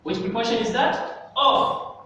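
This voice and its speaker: A man teaching an English grammar lesson, speaking slowly and repeating and stressing key words, recorded in a classroom. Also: extremely high pitch, sharp tone. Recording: echoey hall, mic far off, faint noise.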